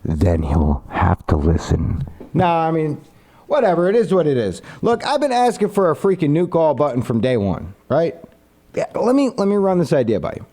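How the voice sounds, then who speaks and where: A young male live streamer, animated and rambling, pitches an idea to his viewers in a casual stream chat. His voice is somewhat high and mellow, at normal speed. He reads viewer comments aloud and answers them.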